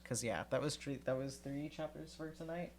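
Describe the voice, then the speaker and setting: A man's voice: mid-range voice, normal speed, slight background noise. A man with a stuffy, sniffly nose reading a novel aloud on a live stream, then chatting in a rambling way with lots of fillers. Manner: rambling, filler-heavy chat. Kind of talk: casual read-aloud stream.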